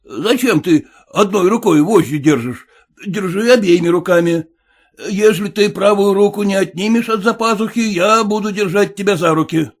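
A man voicing a nervous, haughty gentleman passenger who talks in an indignant, demanding way. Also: high-pitched, normal speed, pitched above the performer's own voice.

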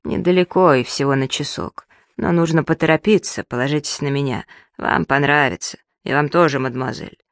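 A gruff, limping bearded man in an audiobook who talks in short, mocking jabs, as the reader puts him on. His lines stay low-key and flat. The sound is dry, with no room around it. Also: brisk, no echo. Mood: firm. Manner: curt, sneering.

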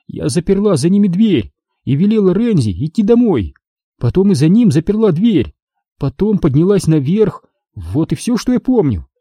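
A man reading an audiobook voices a sardonic young woman in a raised, higher voice. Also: sing-song, moderate pace, warm tone, husky, no echo, studio quality, heavily acted. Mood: dazed. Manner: indignant, sardonic. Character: sharp-tongued young woman, café owner's daughter.

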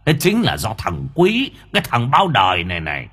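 A man voicing a cryptic old spirit master in an audiobook, speaking in slow, drawn-out pronouncements. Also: medium pitch, huge pitch swings, vocal fry, fairly bright tone, a little hiss or hum, heavily acted. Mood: lecturing. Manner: slow, drawn-out sage pronouncements with sudden chuckles.

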